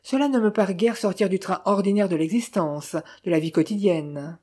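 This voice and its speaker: Grave gentleman adventurer, read by a woman. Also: mid-range voice, normal speed, husky, natural voice. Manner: grave, earnest. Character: cultured adventurer man, grave and modest. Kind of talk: audiobook reading.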